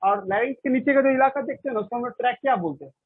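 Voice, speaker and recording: A man's voice: very high voice, rapid-fire, husky, no room sound. A male biology teacher giving a classroom lecture, explaining step by step and answering his own questions. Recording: dry, tinny phone-like sound.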